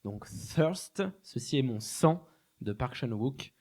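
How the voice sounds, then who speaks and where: A man's voice: medium pitch, measured pace, darkish tone. A man, a cinema programmer, casually announcing the next screening at an event. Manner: casual, slightly self-mocking.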